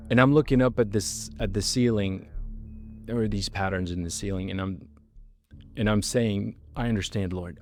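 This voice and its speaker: This storyteller has a fairly low, darkish voice and delivers a sincere monologue about his own life. For emphasis, he circles back to certain phrases and draws out important words.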